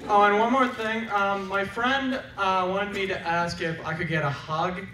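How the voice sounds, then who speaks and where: A man, a fan at a convention panel, nervous and excited as he asks a question. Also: high-pitched, moderate pace, a little hiss or hum. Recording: echoey hall, far from mic, loud crowd.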